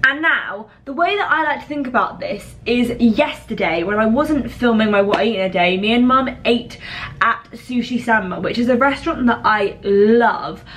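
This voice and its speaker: A woman's voice: a little high, normal speed, fairly bright tone. A young woman chatting casually to camera in a vlog, self-deprecating and friendly. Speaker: vlogger. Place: small bathroom at night.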